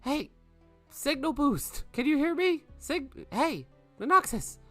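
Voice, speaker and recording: A tabletop player voicing a brash young woman adventurer in a loud, high, pushy voice. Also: very animated, measured pace, faint music behind. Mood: urgent.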